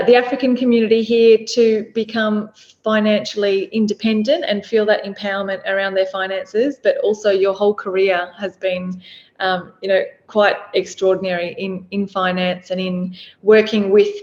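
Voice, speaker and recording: A woman's voice: mid-range voice, dull audio. A woman hosting a podcast, speaking earnestly and admiringly as she opens the show and interviews her guest. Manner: earnest, admiring, with some fillers and restarts. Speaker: podcast host.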